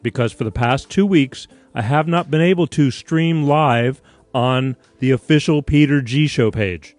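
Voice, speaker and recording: A man's voice: medium pitch, unhurried, a little mellow, no room sound, faint music behind. Man, from Connecticut, live talk show host, mid-range voice, rambling, digressive, casual swearing. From Connecticut, USA.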